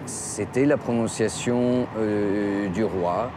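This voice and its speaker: A man explaining a point deliberately as an expert in an interview. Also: on the low side. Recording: street traffic noise.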